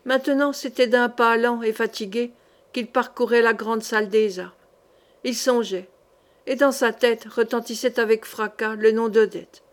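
A woman narrates a historical novel for an audiobook at a steady, measured pace. Her voice sits a little on the high side. She tells the story in a clear, even way. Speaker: audiobook reader.

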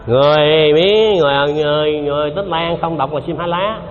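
A man's voice: fairly high pitch, steady tone, a little fast, faint music behind. Man giving a rambling dharma talk. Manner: conversational, repeats himself, asks the audience questions. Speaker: Buddhist teacher. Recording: dull lo-fi hall recording with faint noise.

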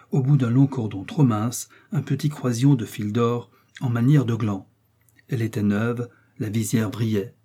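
A man reading a classic novel aloud as audiobook narration, in a measured, even storytelling delivery. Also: medium pitch, slightly rough.

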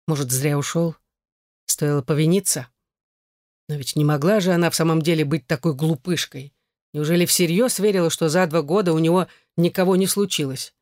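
A man's voice: fairly high pitch, a little mellow, no echo, clean studio sound. A man giving scripted narration of a romance novel audiobook.

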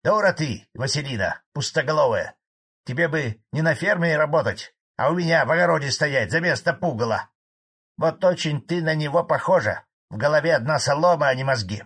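A man playing a cantankerous old collective-farm cattleman in an audiobook, talking gruffly and raising his voice well above the narrator's. The figure has a husky, slightly rough tone and grumbles indignantly at his bosses. His lines come loud, pitched up and heated. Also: lively intonation, unhurried, exaggerated voice. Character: angry old male Soviet cattle farmer, blunt.

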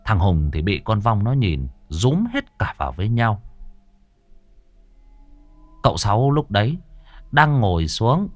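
Male storyteller, expressive delivery, dry and close. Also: on the low side, dry recording. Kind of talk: ghost story narration.

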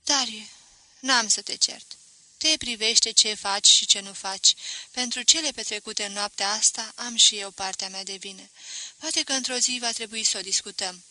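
O femeie dând glas unei tinere triste și hotărâte. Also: female voice, a little high, pushed and bright, no echo. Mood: earnest. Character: young woman, sad, firm and caring.

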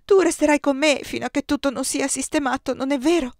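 A woman's voice: brisk, dry recording, studio quality. A woman reader voicing a distraught young woman who sobs and pleads desperately. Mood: desperate pleading. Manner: desperate, high-pitched pleading.

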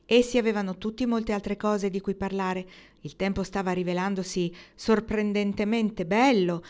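A woman reading a novel aloud in a measured, expressive way. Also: mid-range voice. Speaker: audiobook reader.

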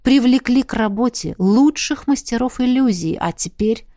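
A woman reading a calm, weary male dragon colonel with a dry, measured manner. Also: fairly high pitch, no echo, pitched above the performer's own voice, lightly acted. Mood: wry.

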